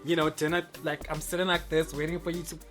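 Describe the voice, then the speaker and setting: A man's voice: a little high, flat delivery, quick pace, fairly bright tone, soft background music. A male host from South Africa in a playful, laughing casual chat.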